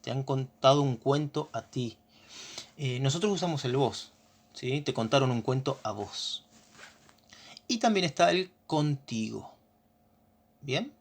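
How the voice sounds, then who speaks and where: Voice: medium pitch, lively intonation, measured pace, pauses often. A teacher with an Argentine accent explaining grammar in a lesson, patient and often checking understanding with short questions.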